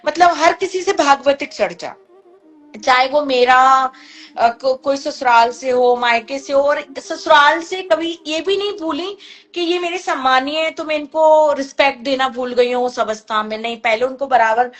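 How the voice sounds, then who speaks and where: A woman's voice: high voice, moderate pace, a bit bright. A woman earnestly recounting a personal family story, acting out the voices of the people she quotes.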